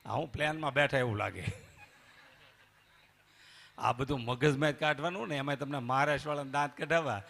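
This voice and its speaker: A man doing live folk comedy, telling jokes and anecdotes on stage and swinging between loud bursts and hushed asides. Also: medium pitch, brisk, gravelly, pauses often. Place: live stage before a temple audience.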